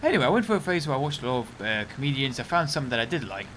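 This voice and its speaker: A man's voice: medium pitch, big pitch swings, very fast, a bit bright, slight background noise. A young man streaming a game, rambling chattily through casual commentary and breaking off to react to the match. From United Kingdom.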